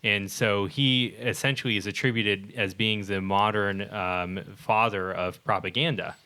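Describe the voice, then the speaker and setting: Bright-voiced man chatting on a podcast. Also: on the low side, fairly even intonation, measured pace. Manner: rambling, many fillers and restarts. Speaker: podcast co-host. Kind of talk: casual discussion.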